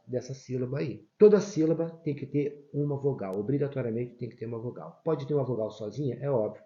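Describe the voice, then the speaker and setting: A man's voice: medium pitch, warm tone, lo-fi sound. A man teaching a grammar lesson, explaining patiently and checking in often with his students.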